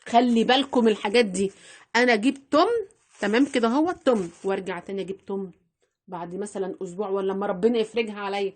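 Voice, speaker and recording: Speaking quickly in a medium-pitched voice, a woman with an Egyptian Arabic accent shares household budgeting advice. Her casual instructional vlog is chatty and full of repeated phrases aimed directly at viewers.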